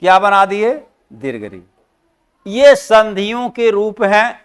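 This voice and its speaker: This man's high-pitched voice swings widely in pitch and has a clean tone as he runs an exam-prep class. He asks questions and supplies the answers himself, repeating important terms slowly to stress them.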